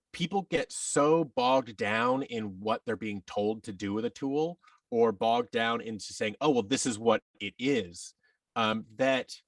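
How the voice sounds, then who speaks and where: A man with a mid-range, creaky voice, recorded dry and from a distance, appears as a podcast guest and audio drama producer in a conversational interview. His explanations ramble enthusiastically, and he acts out imagined quotes.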